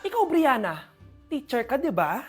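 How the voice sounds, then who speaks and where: A woman's voice: high voice, big pitch swings, a little slow, slightly rough, soft background music, full character voice. A woman acting a distraught mother in a comedy skit, wailing and scolding. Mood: accusing. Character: distraught mother of a grown family.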